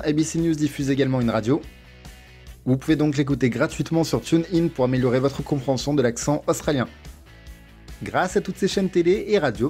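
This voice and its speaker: A man teaching English test prep from France, reading a clear, methodical scripted explanation. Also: fairly high pitch, warm tone.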